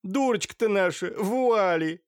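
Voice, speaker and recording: Man doing a screeching spiteful mother, high shrill voice, theatrical outbursts, storybook reading. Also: animated, moderate pace, no room sound, studio quality. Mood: furious, spiteful. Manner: venomous insults, theatrical outbursts. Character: shrill hysterical middle-aged woman, spiteful mother.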